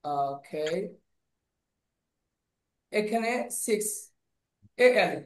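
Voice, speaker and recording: A man teaching English pronunciation in an online class, slowly repeating sounds and words over and over. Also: fairly high pitch, animated. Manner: slow, repeats sounds and words many times. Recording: echoey room.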